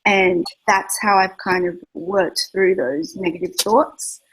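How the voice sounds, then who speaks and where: A woman's voice: medium pitch, flat delivery, slow, fairly bright tone, breathy edge, low-quality recording. A woman writer with an Australian accent speaking on a panel, reflective and a little hesitant. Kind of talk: panel discussion.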